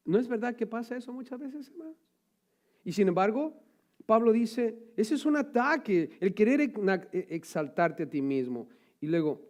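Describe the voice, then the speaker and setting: Male pastor with a fairly high voice, preaching with emphatic rhetorical questions. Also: a little mellow. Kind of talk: sermon. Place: church sanctuary.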